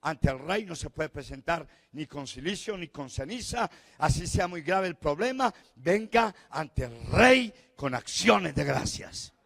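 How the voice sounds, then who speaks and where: A middle-aged Colombian pastor preaching with a high, ringing voice that rises into shouts and then drops low and hushed. His words trail off into the long echo of a large church hall. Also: animated, a little slow, gravelly. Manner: fervent preaching, swinging from shouts to hushed tones. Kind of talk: sermon.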